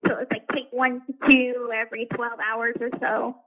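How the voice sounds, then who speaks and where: A woman's voice: on the high side, flat delivery, normal speed. A woman speaking from a prison payphone call, talking in a hesitant, rambling way with many fillers. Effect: prison payphone call over a tinny phone line. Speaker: inmate calling from a correctional facility. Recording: tinny phone line.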